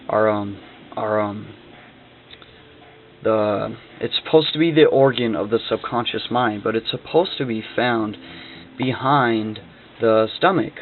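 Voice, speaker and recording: A man reading a book aloud and explaining it in his own words, hesitant and full of fillers and restarts but earnest about the subject. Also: lowish voice. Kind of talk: reading aloud with spoken commentary. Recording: tinny phone-like recording with faint noise.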